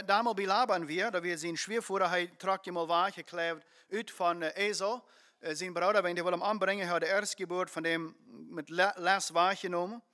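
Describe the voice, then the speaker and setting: High, bright-voiced male preacher. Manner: earnest, emphatic storytelling with many fillers. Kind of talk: sermon.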